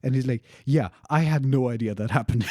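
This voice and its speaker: A man's voice: medium pitch, a little mellow, dry recording, studio quality. A young man casually telling a personal story, candid and profane, laughing now and then. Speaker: storyteller recounting a travel experience.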